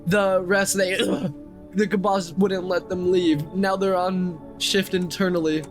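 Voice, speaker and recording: A man voicing a dying firefighter in a game, groaning and halting, bitter and resigned. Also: sits high, level tone, soft background music. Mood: pained.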